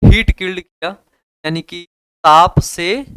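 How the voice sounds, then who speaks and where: A man's voice: high voice, slow pace, a bit bright, smooth, no room sound. A young man with a Hindi accent teaching biology in a casual, joking way, asking students questions and repeating answers. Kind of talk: casual classroom lecture.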